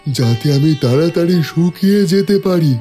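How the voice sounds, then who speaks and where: Man acting a suffering old talking tree, solemn, pleading, animated pitch, fairy-tale cartoon. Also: moderate pace, soft background music, close to an everyday voice. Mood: pained, pleading.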